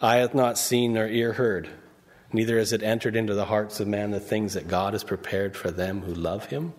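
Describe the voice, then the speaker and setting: A man's voice: lowish voice, steady tone, normal speed, darkish tone. A male preacher giving a conversational sermon, often asking the congregation questions and reading verses aloud. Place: church.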